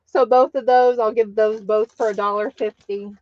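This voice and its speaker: A woman's voice: a little high, steady tone, moderate pace, a little mellow, dull audio, slight background noise. A woman hosting a live craft sale stream, chatting casually with viewers and laughing often.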